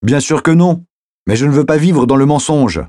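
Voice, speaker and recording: A man's voice: fairly low pitch, a little fast, warm tone, breathy edge, dry recording, clean studio sound, pitched above the performer's own voice. A man voicing a stubborn, wounded widower who insists in a raised voice. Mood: defiant.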